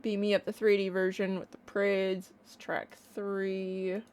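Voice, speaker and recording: A woman streamer giving a casual, excited reaction in a playful, bubbly, gushing way. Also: mid-range voice, measured pace, smooth. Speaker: online reaction streamer and music creator.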